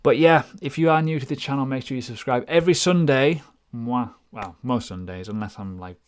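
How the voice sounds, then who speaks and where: A British man hosts a laid-back live Q&A stream about crypto, chatting, poking fun at himself, and drifting into tangents. His voice sits in the mid range and comes out smooth and fairly quick.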